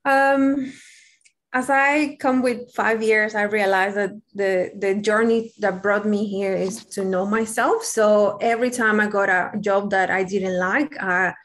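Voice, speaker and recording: A woman's voice: mid-range voice, steady tone, a little slow. A young woman from Peru with a Peruvian Spanish accent, Spanish her first language, speaking candidly and self-deprecatingly as a guest in a casual interview.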